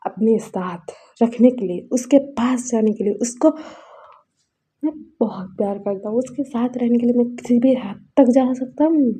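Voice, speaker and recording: A woman voicing a young male god who is lovesick and defiant, pleading in raised emotional outbursts, with a husky, dark tone. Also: fairly high pitch, normal speed.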